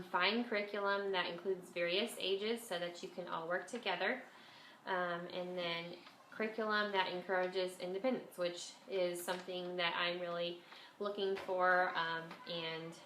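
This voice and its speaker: A woman's voice: lowish voice, a bit bright. A woman chatting casually as a homeschool vlogger, with a stuffed-up, nasal voice from a cold, as if pinching her nose. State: has a bit of a cold. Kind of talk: casual chat to camera. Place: at home, indoors. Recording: echoey room, faint background noise.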